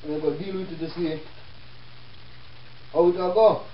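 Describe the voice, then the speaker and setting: The Rastafarian self-help host, speaking with a Jamaican accent, lectures informally with readings in a preaching, rhetorical manner full of check-in questions. He keeps a steady tone at a moderate pace in a fairly high voice. The recording picks him up from afar in an echoey room, dull and hissing.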